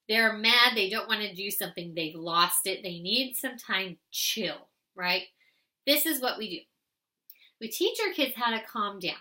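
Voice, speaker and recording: A woman giving parenting advice in an animated way, asking rhetorical questions and acting out parent and child. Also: a little high. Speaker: parenting educator.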